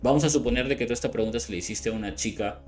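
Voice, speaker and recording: A man teaching a language lesson in a relaxed explanatory way, often checking in with the listener and slowing down to model phrases. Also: medium pitch. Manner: conversational, frequent rhetorical "¿no?" and "¿vale?" checks; slowed careful demonstrations of phrases. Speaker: English teacher. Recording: faint background music.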